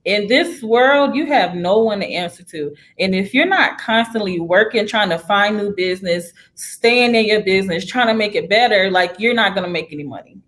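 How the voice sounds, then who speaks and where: A woman's voice: medium pitch, normal speed, hardly any pauses, a bit bright. A young woman realtor in a casual career interview, talking in an upbeat, chatty way and laughing often. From United States.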